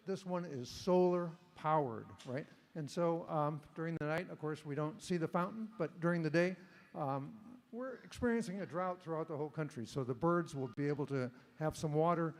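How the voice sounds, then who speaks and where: A man giving a sales presentation on stage as an auction contestant. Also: a little high. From Washington state, US.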